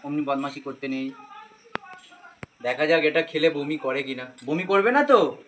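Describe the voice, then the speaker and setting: Chatty young dad vlogging at home. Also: male voice, on the high side, lively intonation, normal speed, fairly bright tone, slight background noise. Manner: chatty, coaxing a small child. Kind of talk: casual daily-life vlog chat. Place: village home, partly outdoors in rain.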